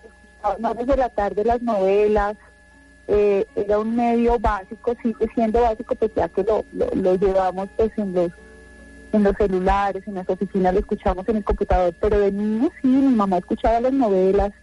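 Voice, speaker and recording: Una mujer con acento colombiano que llama por teléfono a un programa de radio y habla en frases largas con muchas muletillas. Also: female voice, mid-range voice, fairly even intonation, moderate pace, warm tone, soft background music. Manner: long run-on sentences with many fillers. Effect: phone call heard on air. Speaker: caller to a radio show. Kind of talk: live call-in chat.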